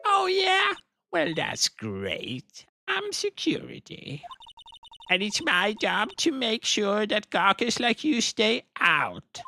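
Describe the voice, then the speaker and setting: A man putting on a shrill, cranky old security lady. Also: wildly swooping pitch, slow, gravelly, bright, forceful tone, a little hiss or hum, exaggerated voice. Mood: scolding. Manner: scolding, rambling, shrill. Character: cranky older female studio security guard. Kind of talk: fan dub of a video game. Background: music.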